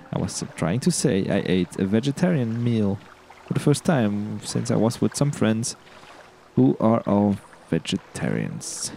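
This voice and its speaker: A giddy, upbeat man rambles through his own gameplay in a casual let's play. His voice sits low, and he often restarts his sentences and trips over his words. Faint game music plays underneath. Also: creaky, mellow.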